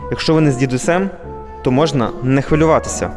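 Жінка, що грає спокійного тата-ельфа. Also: female voice, extremely low pitch, fast, big-room sound, over music, voice pushed down. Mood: reassuring. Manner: soothing, reassuring. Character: calm, steady elf father.

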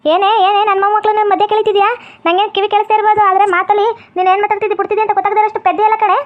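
A woman voicing a deaf, cranky old grandmother who scolds fast and holds to strict customs, in a comedy skit. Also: steady tone. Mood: scolding. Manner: scolding, shrill and quick. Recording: tinny phone-like sound.

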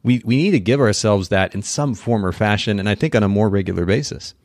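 A man's voice: fairly low pitch, fast, a little mellow, no echo, studio quality. A man hosting a podcast interview, thoughtful and conversational, often repeating words as he restarts his sentences. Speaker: podcast host.

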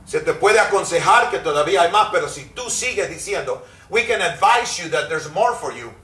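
Man pastor, bilingual sermon, emphatic and repetitive, sharp high voice, distant mic in a roomy hall. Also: lively intonation, moderate pace. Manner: emphatic, repeats each phrase in Spanish and English. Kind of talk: bilingual sermon, translating himself line by line. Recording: echoey hall, mic far off.

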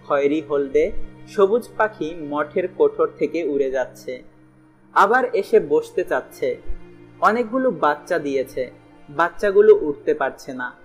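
A man reading a novel aloud as an audiobook narrator, in a measured, grave first-person style. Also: fairly high pitch, breathy edge. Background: faint background music.

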